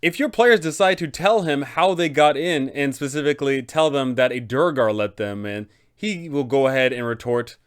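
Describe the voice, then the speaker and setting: In a small furnished room, a man in his twenties narrates a tabletop roleplaying guide for game masters in an explanatory, emphatic way. His smooth, medium-pitched voice moves at normal speed with hardly any pauses.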